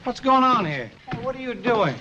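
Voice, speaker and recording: An actor playing an easygoing, self-assured young man who talks in a relaxed, wisecracking way in a 1950s film comedy. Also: high voice, moderate pace. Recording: dull 1950s film soundtrack with hiss.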